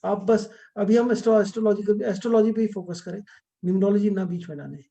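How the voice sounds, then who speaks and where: A man's voice: high voice, fairly even intonation, fast talker, gravelly, warm tone. A middle-aged man teaching an astrology class over a video call, explaining step by step and mixing English terms into his talk. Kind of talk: online class lecture.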